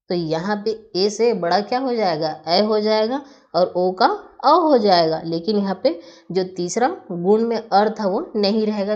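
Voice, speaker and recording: A woman teaching a grammar lesson, who explains each step slowly, asking questions and then answering them herself. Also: medium pitch, darkish tone. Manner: patient, asks and answers her own questions. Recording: dull lo-fi recording.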